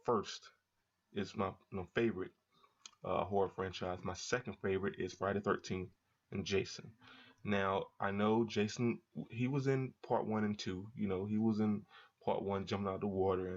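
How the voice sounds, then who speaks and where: A man chatting casually as a reaction video host, rambling and halting with repeated words. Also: fairly low pitch. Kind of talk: casual chat, trailer reaction commentary. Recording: dull lo-fi sound.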